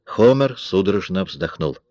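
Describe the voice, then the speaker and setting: A man reads a crime novel aloud in a steady, measured way with a deep, low voice. The recording is dry, with no room echo, and slightly muffled in the highs. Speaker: audiobook narrator. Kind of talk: scripted narration.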